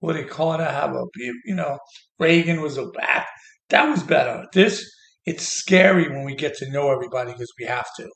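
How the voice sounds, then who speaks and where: Gravelly man ranting in an echoey room. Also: a little high, animated, normal speed, a bit bright. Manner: heated, sarcastic, mocking. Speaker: commentator. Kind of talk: political rant.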